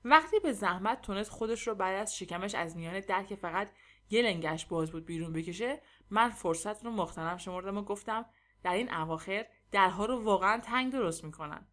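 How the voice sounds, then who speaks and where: A woman narrating a humorous story in a lively, expressive reading. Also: mid-range voice.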